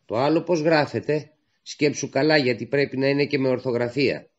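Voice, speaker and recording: A man voicing an eager, spirited young woman resistance worker who asks quick, insistent questions, on a dull lo-fi recording. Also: medium pitch, voice pushed up, lightly acted.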